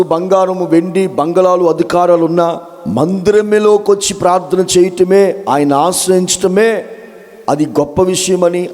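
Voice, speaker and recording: A man's voice: a little high, a little mellow. Man preaching in an echoing hall. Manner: asks the congregation questions and answers them himself. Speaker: pastor. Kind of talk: sermon. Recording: long hall reverb.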